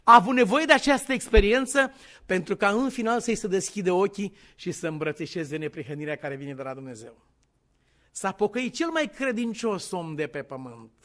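A man preaching a sermon in a lively, conversational way, acting out biblical dialogue with humorous asides. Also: high-pitched. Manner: animated storytelling, acting out dialogue. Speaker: pastor.

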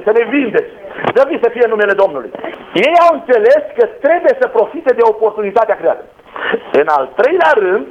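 A man preaching a sermon with passion, retelling scripture stories and rising to shouts. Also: high voice. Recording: dull lo-fi sound with faint noise.

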